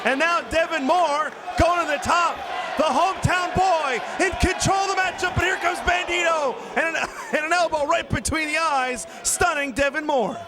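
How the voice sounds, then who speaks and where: High-pitched wrestling announcer, a man. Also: normal speed. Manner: excitable, exclamatory calls of the action. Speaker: wrestling play-by-play commentator. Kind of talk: live wrestling commentary. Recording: noisy arena with loud crowd behind. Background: crowd noise of a live wrestling show.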